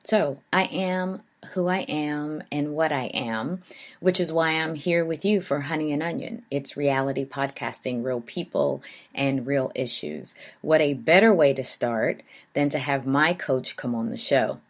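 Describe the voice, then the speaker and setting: Low-voiced woman with an Appalachian accent. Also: unhurried, dry recording. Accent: Southern Ohio Appalachian. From Southern Ohio Appalachia, United States. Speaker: podcast host and coach. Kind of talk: conversational podcast introduction and chat.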